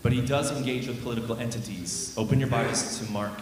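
A man preaching a sermon as pastor, emphatic, slowing down and speeding up to stress his points. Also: mid-range voice, fairly even intonation, noisy background. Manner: emphatic, varies pace and loudness for stress. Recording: very echoey hall with long reverb.

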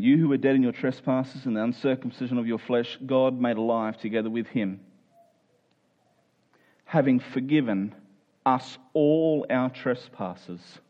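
In a sermon that includes scripture reading and prayer, a medium-pitched male preacher exhorts earnestly, repeating short phrases to hammer them home. The audio sounds dull.

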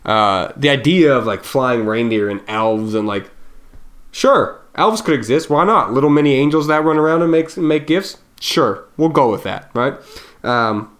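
A man's voice: medium pitch, lively intonation, normal speed, fairly bright tone. A man in his thirties co-hosting a podcast, talking loosely and musing, often trailing off and restarting. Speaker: podcast co-host. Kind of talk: casual chat.

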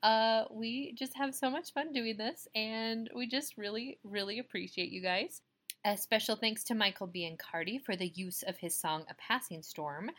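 A woman's voice: a little high, normal speed, fairly bright tone. A woman co-hosting a podcast, giving a chatty, thankful sign-off at home late at night on a poor-quality recording made without the usual microphone. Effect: poor sound quality, recorded without the usual microphone. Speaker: podcast co-host.

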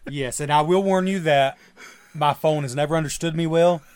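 A man with a thick deep Southern US accent and slightly mumbled diction, bantering casually as a podcast co-host. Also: moderate pace, a little mellow, clear, resonant tone, no echo.

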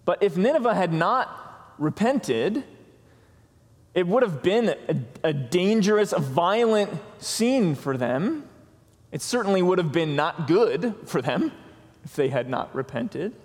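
A man delivers a sermon from the pulpit, taking his time and leaning on each key word. His voice sits a little high for a man. Long reverb from the church hall trails after his words. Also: big pitch swings. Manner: slow, deliberate preaching with emphatic pauses. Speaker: pastor. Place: church sanctuary.

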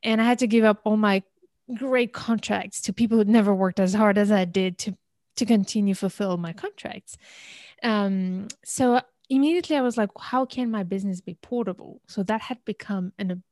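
In a dry recording, this Algerian-born woman in her thirties, who grew up in many countries, recounts her life as a guest on an interview. She works as a business consultant, and her mid-range, slightly mellow voice moves at normal speed while she talks in a lively, conversational way.

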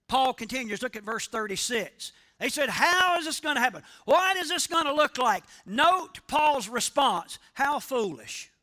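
A man's voice: very high voice, sharp tone. A middle-aged man preaching a sermon as pastor, emphatic and drawing the congregation into call-and-response asides.

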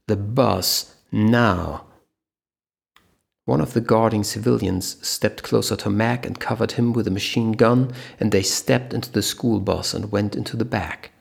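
A man narrating a thriller audiobook in a steady storytelling manner. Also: fairly low pitch, gravelly, husky.

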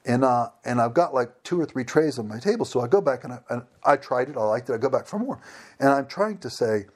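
Animated man telling stories. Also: mid-range voice, quick pace. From United States. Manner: animated, acts out dialogue with laughs. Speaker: storyteller. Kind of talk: casual anecdote telling.

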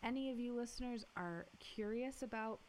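A young adult woman co-hosting a podcast in casual chat, upbeat and quick to laugh. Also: a little high, a little mellow, rough recording. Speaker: podcast co-host. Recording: faint hiss.

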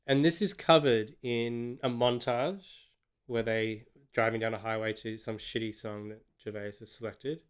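A man's voice: medium pitch, steady tone, a little slow, smooth. A man with an Australian accent, co-hosting a casual film review chat and picking apart a movie in a sardonic, rambling way. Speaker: podcast co-host.

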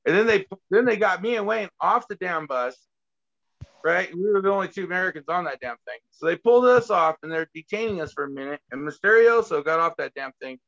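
A man's voice: high voice, fairly quick, vocal fry, no room sound, dull audio. A man telling wild road stories in casual chat, swearing and laughing. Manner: animated, profane, laughing storyteller. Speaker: guest, former wrestler. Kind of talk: casual storytelling.

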